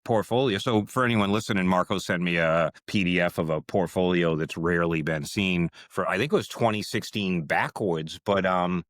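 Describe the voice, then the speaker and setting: A man with a very deep voice hosts a casual podcast conversation, rambling through stories and jumping into eager questions. The sound is close and dry, with no room echo at all. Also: normal speed, few pauses. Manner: rambling, storytelling, excited questions. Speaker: podcast host. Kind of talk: casual interview chat.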